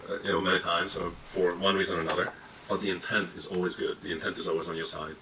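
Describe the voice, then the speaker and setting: A tech executive from Czechoslovakia answers interview questions quickly, his deep voice still bright and his tone level. He sounds hesitant yet reassuring, relying heavily on fillers. He's recorded from a distance, with faint room ambience and slight background noise.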